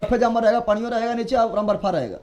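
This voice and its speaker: High-pitched guy teacher, keeps quizzing the class over and over. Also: quick pace, a little mellow, lo-fi sound. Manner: drills students with repeated questions, scolding jokingly. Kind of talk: classroom geography lesson.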